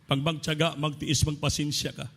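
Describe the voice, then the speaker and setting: A man with a Filipino accent preaching a sermon, telling a personal testimony with lively acted-out quotes. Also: fairly high pitch, normal speed, vocal fry. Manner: animated storytelling with acted quotes.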